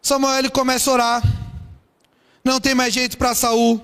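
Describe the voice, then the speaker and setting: High-voiced preacher in a reverberant hall. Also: male voice, normal speed, smooth. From São Paulo, Brazil. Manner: lively storytelling preaching with rhetorical questions. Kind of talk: sermon.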